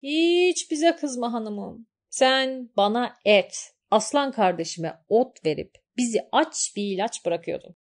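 A woman voicing a talking animal guard who slowly pleads to be forgiven. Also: fairly high pitch, lively intonation. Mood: pleading. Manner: slow, drawn-out pleading.

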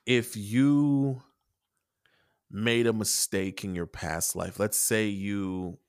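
Podcast co-host, man, lower register, loose and rambling with many restarts, casual cursing. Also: fairly even intonation, takes it slowly. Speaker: podcast co-host and article writer.

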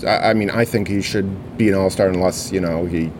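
A low-pitched man trades casual sports talk as a podcast co-host. His delivery is dry and wry, and the low quality stream carries a clear noisy rumble. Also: fairly even intonation, a little fast.

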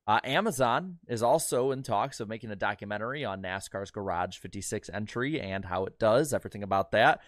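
A man's voice: fairly low pitch, a little fast, few pauses, no room sound, studio quality. A man co-hosting a motorsport podcast, reading news items in a loose, joking way with lots of fillers. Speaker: podcast co-host. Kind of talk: casual podcast chat.

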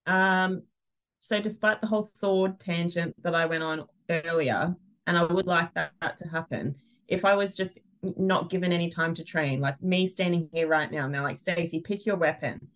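Lower-voiced woman, playful and rambling. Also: moderate pace. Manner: playful, rambling, self-deprecating. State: mother. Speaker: author and podcast guest. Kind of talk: casual chat.

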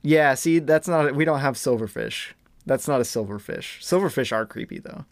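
A man's voice: mid-range voice, moderate pace, creaky, no echo. A man chatting informally as a podcast co-host, in an easygoing conversational style with a readiness to laugh. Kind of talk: casual podcast chat. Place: basement used as a podcast studio.

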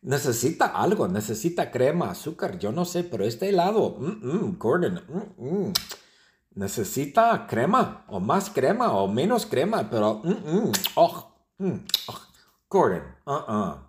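A man's voice: medium pitch, big pitch swings, measured pace. A man doing a fussy, humming food critic. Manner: hums and groans while tasting, whiny complaints.

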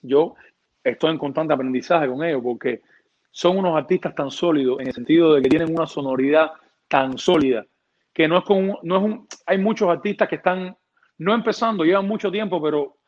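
A man's voice: fairly high pitch, moderate pace. A man, a music producer talking casually in an interview, rambling and restarting his words with many fillers. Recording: dull lo-fi sound.

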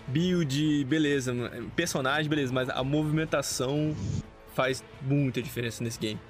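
A man's voice: medium pitch, steady tone, moderate pace, faint music behind. A man hosting a podcast, jokey and casual. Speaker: podcast host.

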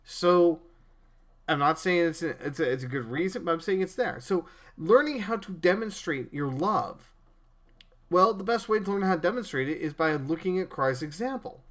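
A man's voice: high voice, expressive, normal speed, fairly bright tone. Earnest man preaching on a podcast. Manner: earnest, preachy, with frequent restarts and stammers. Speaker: podcast host.

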